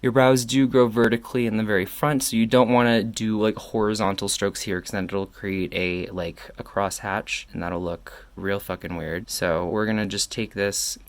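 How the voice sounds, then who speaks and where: Tipsy, rambling man with a lowish voice. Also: steady tone, normal speed, hardly any pauses. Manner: rambling, self-correcting, loses train of thought. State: tipsy from wine. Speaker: makeup reviewer. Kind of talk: casual makeup tutorial.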